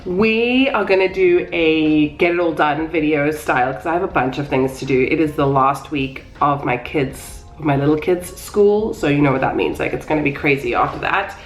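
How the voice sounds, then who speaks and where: A woman's voice: deep voice, moderate pace, few pauses, faint music behind. A woman in her thirties chatting casually in a home vlog, rambling and self-deprecating, with a stuffy, nasal voice as if her nose is pinched. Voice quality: congested, pinched nasal sound. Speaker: vlogger, mother of young children.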